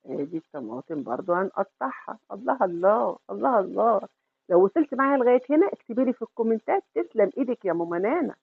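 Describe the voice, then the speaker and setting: A woman's voice: mid-range voice, big pitch swings, fast talker, creaky, breathy edge, narrow, tinny audio. A middle-aged woman with an Egyptian accent hosts a home cooking tutorial. She talks affectionately, calls the viewer sweetheart, and asks and answers her own questions. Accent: Egyptian Arabic. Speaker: cooking channel host.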